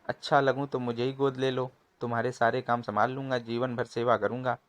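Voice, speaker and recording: A man voicing a greedy young swindler who whines and yells for help in a comic storybook. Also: medium pitch, level tone, a little fast, dry recording, lightly acted. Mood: pleading. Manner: whining, yelling for help. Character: greedy young male swindler, whiny coward.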